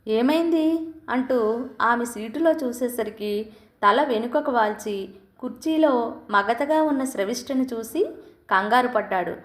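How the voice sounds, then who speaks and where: A woman reading a story aloud in a calm, measured scripted narration. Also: on the high side. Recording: roomy echo.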